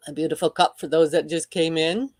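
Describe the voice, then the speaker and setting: A woman's voice: low voice, fairly even intonation, brisk, darkish tone, slight background noise. An older woman hosting a casual livestream, chatting with viewers and reading their comments aloud with frequent laughs. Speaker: livestream host.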